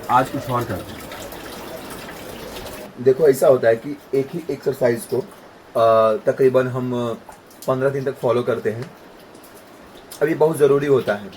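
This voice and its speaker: This man's mid-range voice has a darkish tone, and the low-quality recording carries slight background noise. As a voice practice coach, he delivers informal instruction with demonstrations, using everyday examples and checking in with whoever is listening.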